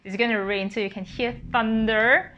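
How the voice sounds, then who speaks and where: A woman's voice: on the high side, fairly even intonation, moderate pace, a bit bright, muffled recording, slight background noise. A woman, a singer-composer, casually explaining how she wrote her piece, thinking aloud and breaking into sung solfège syllables. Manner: thinking aloud with fillers and self-corrections.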